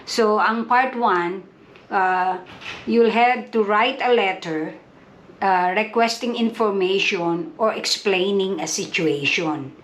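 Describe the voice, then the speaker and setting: A woman, explaining an English test in a casual vlog. She talks in an unhurried way, with many fillers, mixing English terms into Tagalog. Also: medium pitch. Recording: echoey room with faint background noise.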